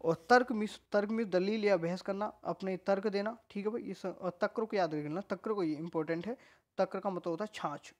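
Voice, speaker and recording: A male Hindi grammar teacher speaks with a Rajasthani accent, leading an informal exam-prep class. He keeps repeating each word several times and breaks off now and then to chat with his students. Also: high-pitched. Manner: repeats words many times, chatty asides to students. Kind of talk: casual online exam-prep lesson.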